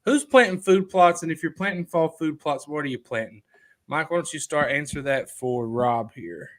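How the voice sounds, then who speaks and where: A man's voice: fairly high pitch, moderate pace, fairly bright tone. A man hosting a casual livestream, talking loosely, reading viewer comments aloud and jumping from topic to topic. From Kentucky. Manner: loose and talkative, reads out viewer comments, jumps between topics. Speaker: livestream host. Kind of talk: casual live chat.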